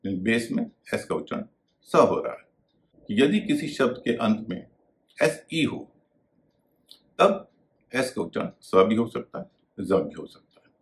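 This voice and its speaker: Male tutor, lowish voice with a lot of swing; spells words out patiently. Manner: methodical, spells words letter by letter. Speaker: English pronunciation teacher. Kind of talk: explanatory video lesson.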